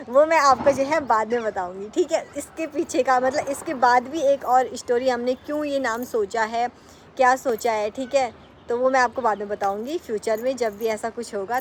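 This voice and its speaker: A woman's voice: fairly high pitch, slight background noise. A young woman chatting casually to camera on a rooftop, rambling and correcting herself as she talks to her viewers. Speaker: vlogger. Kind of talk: casual vlog chat to camera. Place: rooftop, outdoors.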